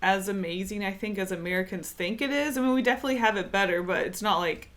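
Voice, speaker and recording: A woman's voice: mid-range voice, fast. Woman cohosting a podcast, laid back and chatty, laughs a lot. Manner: relaxed, chatty, laughs easily. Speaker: podcast co-host. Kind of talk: casual podcast chat.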